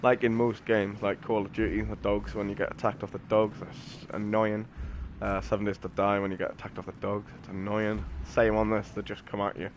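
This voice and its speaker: This game streamer rambles through casual, slangy, matter-of-fact gameplay commentary against game music and sound effects. His voice is fairly low with little pitch movement, and he talks fairly quickly with hardly any pauses. There's slight background noise.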